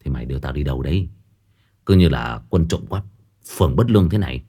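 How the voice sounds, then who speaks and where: A man voicing a grumpy middle-aged sorcerer who talks in a low, gruff mutter. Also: lively intonation, fast talker, warm tone, full character voice. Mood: grumbling.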